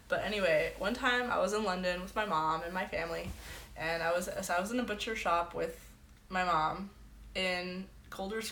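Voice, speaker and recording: A woman's voice: lowish voice, fairly bright tone, reverberant, slight background noise. A woman hosting a casual livestream from her bedroom, telling stories in a chatty way full of "like". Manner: chatty storyteller, heavy "like" filler. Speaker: livestream host.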